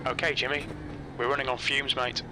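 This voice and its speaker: A man's voice: medium pitch, little pitch movement, fairly quick. A man giving terse, clipped pit radio calls as a race engineer. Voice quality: clipped, matter-of-fact. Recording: loud engine noise behind.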